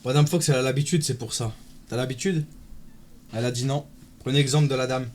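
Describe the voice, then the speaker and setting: A man's voice: medium pitch, steady tone, quick pace, darkish tone, slight background noise. A man streaming live, casually bantering and teasing his chat and friends.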